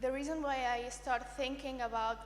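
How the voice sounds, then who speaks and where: A woman's voice: high voice, steady tone, normal speed, a little hiss or hum. A young woman from Colombia introducing herself on stage, hesitant and searching for words. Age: young adult. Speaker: panelist. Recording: echoey hall, voice off mic.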